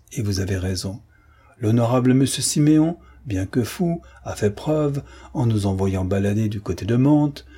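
A man voicing a mocking, ironic gentleman adventurer in an audiobook reading. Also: medium pitch, husky.

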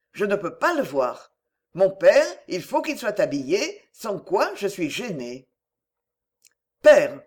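Slow, expressive woman reading a story. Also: medium pitch. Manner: conspiratorial, addressing the listener directly. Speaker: reader. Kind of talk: dramatic literary reading.

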